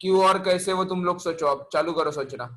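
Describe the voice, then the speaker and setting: A male physics teacher leads an online class and keeps putting questions to his students. His voice is bright and sits a little high. He slips English terms into his Hindi. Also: fairly quick, rough recording.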